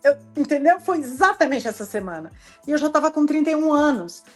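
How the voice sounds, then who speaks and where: A woman's voice: high voice, brisk, soft background music. Chatty Brazilian-born middle-aged woman. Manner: chatty, lively storyteller, imitates other languages. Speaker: guest. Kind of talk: casual interview chat.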